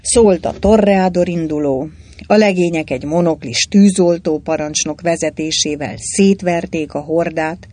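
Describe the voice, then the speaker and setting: An audiobook reader narrating an adventure novel with lively, expressive delivery. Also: medium pitch. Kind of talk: storybook reading.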